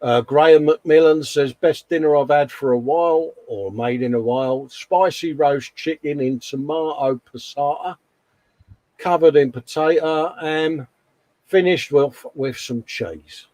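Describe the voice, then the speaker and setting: A man's voice: fairly high pitch, measured pace, mellow, no echo. A man co-hosting a casual hobby show, reading out posts in a chummy, colloquial way, often calling people mate. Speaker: co-host of a hobby live show.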